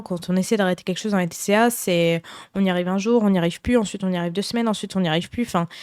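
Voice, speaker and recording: A young woman hosting a podcast, giving gentle, earnest advice in a casual way, with many fillers and restarts. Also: mid-range voice, no echo, clean studio sound. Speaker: podcast host.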